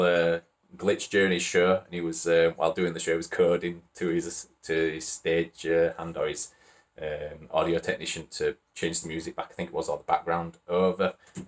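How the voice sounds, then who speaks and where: This is a man with a broad Wakefield accent hosting a reaction video. His voice sits low, and he rambles in a relaxed, chatty way. He breaks into easy chuckles as he goes. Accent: Wakefield, Yorkshire. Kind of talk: casual reaction commentary.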